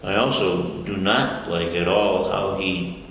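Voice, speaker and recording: An older American man from Michigan speaks in a low, steady voice that is slow and fairly bright. He answers interview questions in a rambling, self-correcting way and chuckles often during this casual conversational interview. The room is echoey, with long reverb and faint noise.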